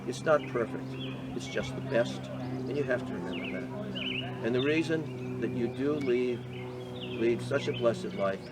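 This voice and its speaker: An older veteran from the Boston area recalls his service in a measured, earnest voice of middle pitch, pausing often with small hesitations. The recording was made outdoors, with clear noise from birds and passing traffic behind him. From Boston area, USA. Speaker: veteran interviewee. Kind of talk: reflective personal storytelling.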